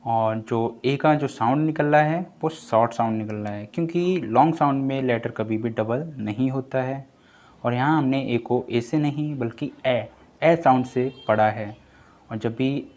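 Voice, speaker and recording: A male English teacher who talks slowly and patiently. He works through spelling rules step by step and reads out each example word on its own. His voice sits in a middle pitch. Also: a little mellow. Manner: slow, careful explanation of spelling rules, spelling words out one by one. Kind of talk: spoken English lesson.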